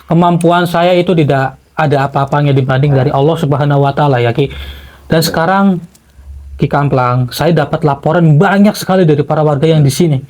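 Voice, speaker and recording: A man speaks in a steady, reasoning tone. He calls out Islamic invocations often, and his voice sits somewhat high for a man. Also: fairly quick. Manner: calm mediator, frequent Islamic invocations. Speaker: host, paranormal team leader.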